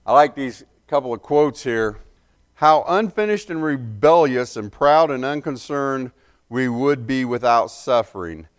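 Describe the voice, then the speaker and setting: A man preaching an earnest, emphatic sermon, pausing and correcting himself as he goes. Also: mid-range voice, animated.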